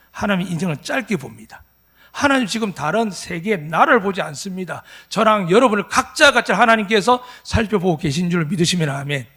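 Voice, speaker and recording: A man's voice: high-pitched, fairly bright tone, slightly rough. A pastor in his fifties preaching at a Sunday church service, emphatic and full of rhetorical questions to the congregation. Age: 50s. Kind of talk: sermon.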